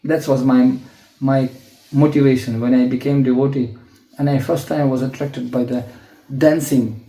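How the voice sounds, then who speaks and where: A male spiritual teacher, telling stories in a sermon with frequent laughter and animated acted-out voices. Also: mid-range voice, moderate pace. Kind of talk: storytelling sermon. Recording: echoey lecture hall.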